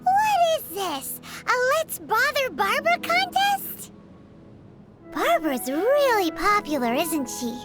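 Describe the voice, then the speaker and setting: A woman's voice: very high-pitched, huge pitch swings, takes it slowly, music in the background, full character voice. A woman voicing a tiny floating female fairy companion who chats cheekily and talks about herself in the third person. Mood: cheeky. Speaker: sidekick companion. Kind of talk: video game character banter.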